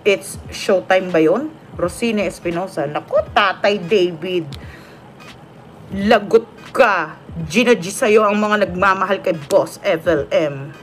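A woman's voice: lowish voice, measured pace, a little hiss or hum. A woman hosting a casual live stream, reading viewer comments aloud and laughing often. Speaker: livestream vlogger reading comments. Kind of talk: casual livestream chat. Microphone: phone or webcam on a live stream.

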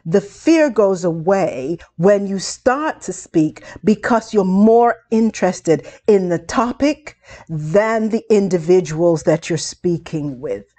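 A woman instructor giving a video lesson on public speaking, speaking in a deliberate, encouraging way. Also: on the low side, animated, mellow.

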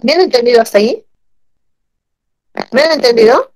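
A woman teaching grammar in an online class, animated and asking her students questions often. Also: fairly high pitch, normal speed, no echo, rough recording.

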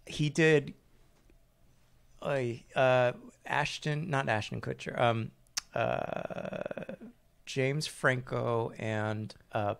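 A man's voice: medium pitch, steady tone, extremely slow, vocal fry, smooth. A man guest-hosting a film podcast, rambling casually and searching for words with many fillers. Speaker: guest host.

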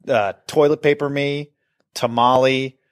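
A man's voice: medium pitch, fairly even intonation, a little slow. A middle-aged man from Northern California, an actor guest chatting casually in an interview, rambling and self-deprecating with restarts.

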